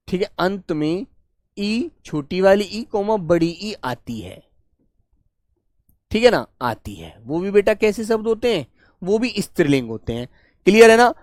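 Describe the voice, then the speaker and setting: A man teaching a grammar class for exam students, warmly coaxing and asking questions that he then answers himself. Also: high-pitched, dry recording. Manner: warm coaxing, calls students "beta", asks and answers his own questions; stretches key words slowly while dictating notes.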